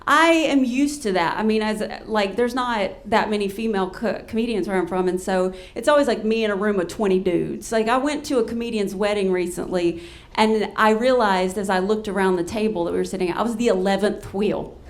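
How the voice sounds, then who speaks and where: Woman comedian, storytelling, brash, profane, animated, mid pitch. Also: brisk.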